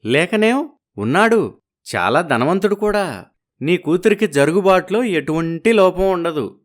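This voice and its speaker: A man voicing a shrewd village marriage broker who talks in a brisk, businesslike way. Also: high voice, sing-song.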